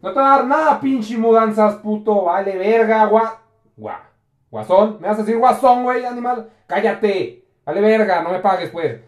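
A brash, foul-mouthed Batman, as a man puts him on, a spoiled heir talking in Mexican slang. The voice sits fairly high and rings in a roomy home recording. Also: normal speed, lightly acted. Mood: brash, cocky.

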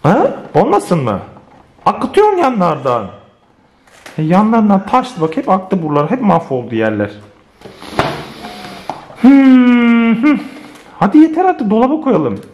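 A man filming a playful family vlog, teasing the kids and chatting to viewers in an animated way. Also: sits high, measured pace, pauses often, slight background noise. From Turkey. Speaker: family vlogger.

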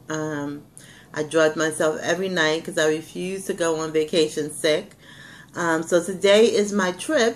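A woman in her thirties speaks with a slightly low pitch. She talks casually as the host of a home vlog, recorded on a webcam mic in a small room with faint background noise. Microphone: webcam microphone at arm's length.

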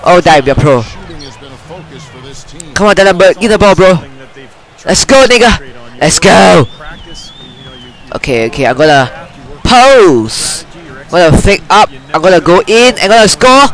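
A young gamer with a high, excitable voice shouts, laughs and trash-talks while playing a basketball video game. Close to his headset mic in a small room, he takes his time and pauses often, swinging between chatter and sudden yells as he commentates.

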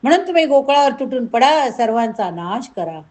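A woman's voice: high-pitched, big pitch swings, fairly quick, a little mellow. A woman voicing the proud, angry king of the gods Indra, giving commands in a devotional story. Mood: commanding.

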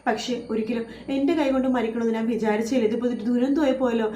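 A woman's voice: a little high, fairly even intonation, racing, warm tone, lightly acted. A woman voicing a frantic, guilt-stricken middle-aged mother wailing and pleading to God. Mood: distraught. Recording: echoey room with faint noise.

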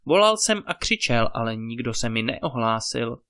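A brave, honest boy who warns and explains in earnest, as a male storyteller reads him. The voice stays close to the reader's own, bright and clear. Told as a spoken fairy tale. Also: medium pitch, very animated.

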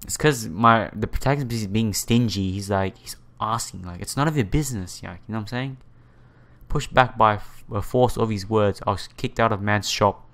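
Hosting a let's play, a man reads a visual novel aloud, tossing in casual asides, stumbling over words now and then, and repeating phrases. His voice is lowish and a bit bright, at normal speed.

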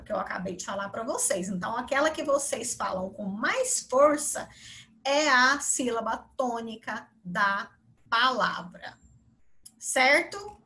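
A woman's voice: sits high, sharp tone. A Brazilian woman teaching a video lesson to young children, explaining each step and checking in with the class as she goes. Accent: Brazilian Portuguese. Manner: encouraging, explains step by step with many "certo?" and "ó".

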